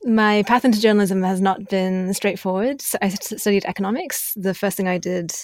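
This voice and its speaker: A woman's voice: medium pitch, brisk, darkish tone, no echo, clean studio sound. A woman in her thirties, born in China and raised in the UK, speaking as a journalist guest in an articulate way with small stumbles. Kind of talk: interview conversation.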